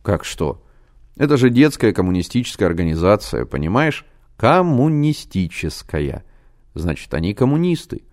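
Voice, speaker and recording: A man reading a storybook, voicing an eager, bossy schoolboy who talks fast and insistently. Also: sits low, big pitch swings, darkish tone.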